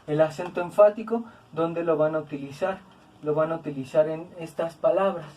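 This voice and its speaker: A woman's voice: low voice, normal speed, warm tone, recorded from a distance, a little hiss or hum. A woman teaching a grammar lesson, patient and repetitive, with tag questions and fillers. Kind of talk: explanatory lesson.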